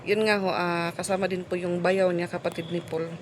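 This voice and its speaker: A woman's voice: fairly low pitch, flat delivery, normal speed, background noise. A woman, narrating a casual home vlog and speaking politely and chattily to her viewers. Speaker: vlogger.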